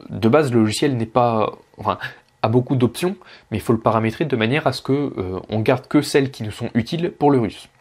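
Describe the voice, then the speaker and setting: A man's voice: medium pitch, darkish tone. A young man, a Russian teacher, explaining his online course in a casual way, with many fillers and restarts.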